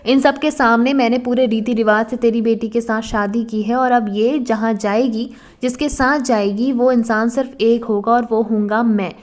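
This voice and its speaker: A woman's voice: fairly high pitch, fairly even intonation, normal speed, few pauses, lightly acted. A woman voicing a defiant young groom who threatens his enemies in a cold, taunting way, read in a storybook. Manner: menacing, taunting.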